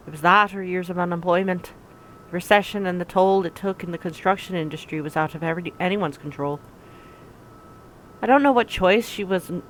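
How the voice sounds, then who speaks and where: A woman reading first-person narration from a visual novel aloud in an even, reflective way. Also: lowish voice, slight background noise, rough recording. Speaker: let's play narrator.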